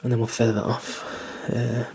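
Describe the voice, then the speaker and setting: A man's voice: mid-range voice, little pitch movement, normal speed, vocal fry, a little mellow, a little hiss or hum. A young man giving a casual miniature painting tutorial, rambling a little, with fillers, restarts and the odd swear word. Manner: mildly self-deprecating and sweary. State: hiccuping.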